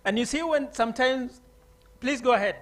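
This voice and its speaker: A man's voice: extremely high pitch, normal speed, a bit bright. A man moderating a conference session, coaxing the audience to speak up, with many fillers.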